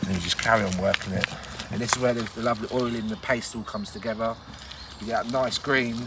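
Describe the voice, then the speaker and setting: In a casual outdoor cooking show set in the woods, a male host talks through each step, chatty and jokey and laughing often. His voice is lowish, steady and creaky, and he talks fast. The recording is very noisy.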